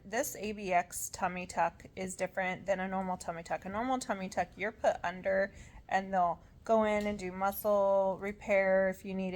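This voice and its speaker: A tired woman recovering from surgery, talking in a casual, halting, rambling way as she shares an update. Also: lowish voice. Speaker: vlogger sharing surgery recovery. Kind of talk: casual chat.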